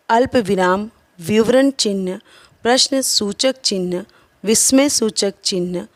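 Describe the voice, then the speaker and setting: A woman teacher giving a grammar lesson to children, explaining slowly and listing examples one by one. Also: mid-range voice, dry recording. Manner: slow, careful explaining with listed examples.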